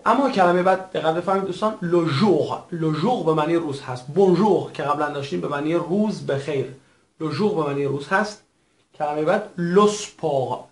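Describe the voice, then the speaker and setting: A man teaching a recorded language lesson in a formal, patient way, repeating each word slowly for his learners. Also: on the high side. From Iran. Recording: echoey room.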